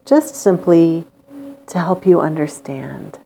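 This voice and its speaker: Slow, mellow woman leading a guided meditation. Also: on the low side, gravelly, slight background noise. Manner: calm, gentle, unhurried with long pauses.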